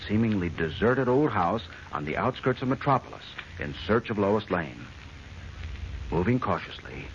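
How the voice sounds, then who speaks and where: A man narrating a suspenseful radio adventure serial in portentous 1940s old radio announcer style. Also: sits low. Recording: muffled old radio recording, faint noise.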